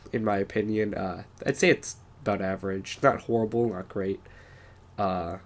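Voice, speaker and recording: Sick-voiced man reviewing a game. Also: fairly low pitch. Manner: halting, many "uh" fillers and restarts. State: sick, congested voice. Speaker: gaming channel host. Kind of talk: casual game first-impressions review.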